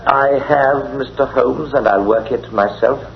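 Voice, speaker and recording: An actor playing a self-assured, obliging country police inspector in an old-time radio drama, speaking deliberately. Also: male voice, medium pitch, gravelly, slight background noise. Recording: dull vintage radio recording.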